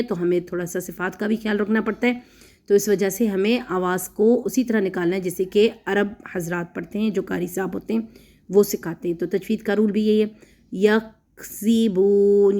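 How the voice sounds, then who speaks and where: A woman teaching Quran recitation rules and translation, who repeats words slowly to model pronunciation. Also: medium pitch, a little mellow. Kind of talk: explanatory lesson.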